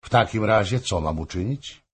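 A man reading aloud and voicing a cautious, deferential male courtier, with a low, husky voice. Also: moderate pace.

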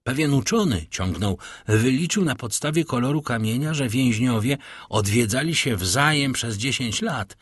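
A man reading a classic novel aloud as an audiobook narrator, in a steady, measured way. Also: mid-range voice, slightly rough, dry recording, studio quality.

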